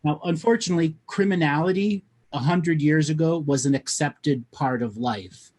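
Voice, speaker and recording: A man's voice: on the high side, moderate pace, a little mellow. Blunt, coaching man host. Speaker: host giving spiritual readings. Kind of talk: call-in show chat.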